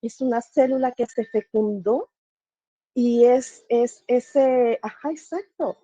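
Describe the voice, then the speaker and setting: Middle-aged woman, very dark mellow tone, halting group-talk sharing, dull muffled recording. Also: on the high side, no echo. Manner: halting, searching for words with many fillers. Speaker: talk participant.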